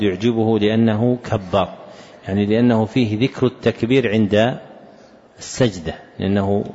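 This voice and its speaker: A male teacher explains hadith narrations, pausing between short, measured phrases. His voice sits on the low side. The recording is dull, with a long hall reverb behind him. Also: darkish tone.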